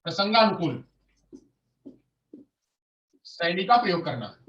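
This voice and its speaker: Male teacher, high voice, drills phrases by repetition, recorded a little off-mic. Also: big pitch swings, echoey room, distant mic, highs cut off. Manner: repeats phrases slowly, asks and answers himself. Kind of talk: exam-prep lecture.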